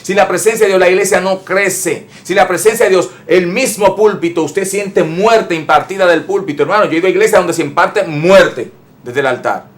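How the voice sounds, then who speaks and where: High-voiced man preaching a sermon. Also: normal speed. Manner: emphatic preaching with repeated phrases; addresses listeners directly as brothers. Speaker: pastor.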